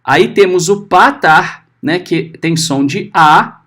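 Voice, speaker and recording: A man teaching a Hebrew class. He is patient, checks often that his students are following, and sounds out letters and syllables slowly. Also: high voice, sharp tone. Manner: patient, often checking understanding with short tags. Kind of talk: recorded class lesson.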